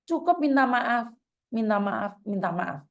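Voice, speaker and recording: Brief: woman host, stern and lecturing, slightly higher voice. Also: sing-song, unhurried. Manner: firm, scolding, calls caller "dear". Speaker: advice host. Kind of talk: advice phone call.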